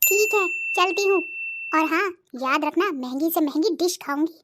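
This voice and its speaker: A voice artist playing a bossy, sharp-tongued middle-aged cartoon wife who nags and threatens. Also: very high voice, normal speed, heavy background noise. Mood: scolding. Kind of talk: cartoon voice acting.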